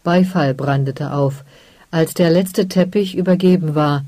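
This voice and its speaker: An audiobook narrator reading a fantasy story in calm, measured scripted narration. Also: mid-range voice, no room sound.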